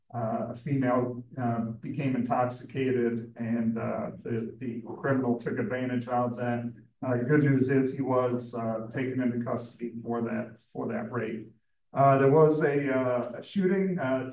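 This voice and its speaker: A man, a police lieutenant, giving a crime report at a public meeting in a halting way full of fillers. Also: medium pitch, a little mellow. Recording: roomy, distant from the mic.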